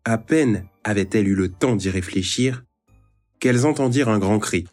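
A man narrating a children's story in a calm, expressive read-aloud manner. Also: on the low side, moderate pace. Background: faint music.

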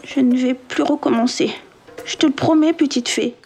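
A woman voicing a small boy in a children's storybook, high and childish in tone. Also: sing-song, takes it slowly, faint music behind. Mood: tearful, sorry. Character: small boy, scared then sorry.

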